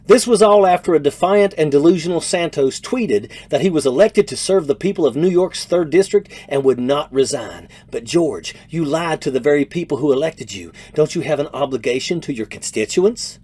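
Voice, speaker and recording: A man's voice: fairly high pitch, animated, moderate pace, hardly any pauses, a little mellow, husky. An American man in his fifties delivering scripted political commentary in a blunt, scornful manner. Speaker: political commentator, retired army major.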